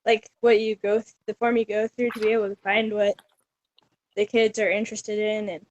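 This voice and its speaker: A woman's voice: medium pitch, level tone, normal speed, muffled recording, a little hiss or hum. A young woman student in a casual group discussion, explaining things in a friendly way.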